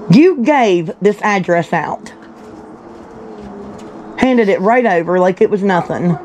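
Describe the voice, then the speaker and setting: A woman's voice: mid-range voice, expressive, takes it slowly, a little mellow, a little hiss or hum, poor audio. A woman in a heated confrontation, bluntly scolding and interrogating a man. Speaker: vigilante group confronter.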